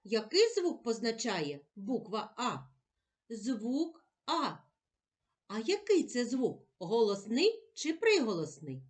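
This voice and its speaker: A woman teacher with a Ukrainian accent giving a children's reading lesson, slowly sounding out letters and syllables. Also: fairly high pitch, very animated. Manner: slow, clear, sounding out syllables for young children.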